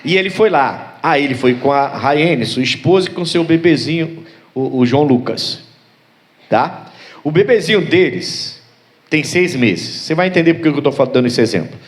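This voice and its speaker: A man's voice: on the high side, animated, normal speed. A man, a pastor preaching a sermon, telling stories and asking his congregation rhetorical questions. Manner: storytelling with acted voices and rhetorical questions.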